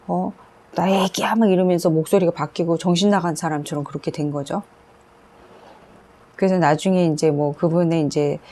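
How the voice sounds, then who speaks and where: Woman preacher, low-ish voice, chatty sermon testimony, repeats herself. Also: mellow. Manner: conversational storytelling with frequent fillers and repetition.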